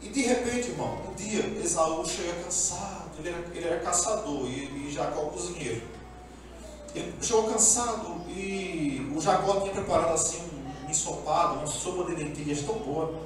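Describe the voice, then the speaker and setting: A man's voice: on the high side, moderate pace. A man preaching a sermon as pastor, telling a story with animation and acting out the voices of the characters. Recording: echoey room, speaker far from mic, faint background noise.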